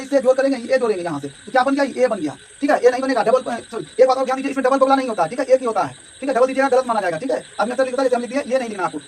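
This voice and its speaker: A man teaching a grammar lesson, explaining step by step and often checking in his students. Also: very high voice. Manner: explanatory, repeats "ठीक है" and addresses students directly. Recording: distant mic with faint background noise.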